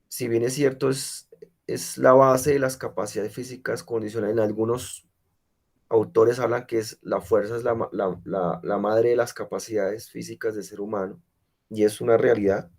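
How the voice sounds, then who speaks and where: A man with a mid-range, darkish voice keeps a steady tone and a normal speed. Sick with a cold, he delivers an online physical education lecture, breaking things down step by step and often asking rhetorical questions to check on the class.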